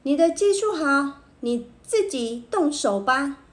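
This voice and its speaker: A woman's voice: high-pitched, animated, slow pace. A woman voicing a male village barber who turns people away in a curt, dismissive manner, in a storybook reading.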